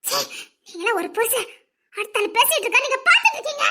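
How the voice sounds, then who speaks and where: Young woman playing a high, bright-voiced defiant wife. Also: big pitch swings, fast talker, heavily acted. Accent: Tirunelveli Tamil. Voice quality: tearful, protesting, repeats herself. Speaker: young wife in a family drama. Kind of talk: family drama acting.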